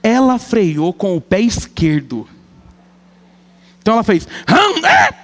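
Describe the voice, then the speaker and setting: A man preaching a sermon, telling a comic family story with animated delivery. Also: high-pitched, unhurried. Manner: animated, comic, acts out family members' voices. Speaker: pastor. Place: church hall. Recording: long church hall reverb.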